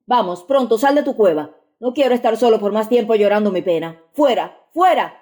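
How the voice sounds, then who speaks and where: A woman's voice: on the high side, lively intonation, normal speed, pitched above the performer's own voice, close to an everyday voice. A woman voicing a furious brutish husband. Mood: furious, commanding. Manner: shouting threats and orders. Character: brutish young peasant husband, furious and domineering.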